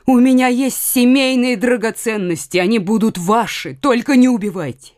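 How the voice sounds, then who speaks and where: A frantic old man begs and wails, his voice climbing high, as a woman reader puts him on. The recording is close and dry. His words tumble out quickly in pleading bursts. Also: darkish tone, dry recording, close to an everyday voice. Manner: pleading, wailing. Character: old father, desperate pleading moneylender.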